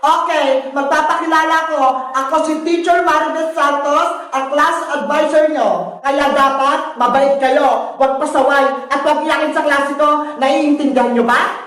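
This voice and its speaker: A woman's voice: sits high, steady tone, a little slow, hardly any pauses, a bit bright. A woman voicing a strict female schoolteacher who scolds her class in a stern tone in a comedy skit. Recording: very echoey room.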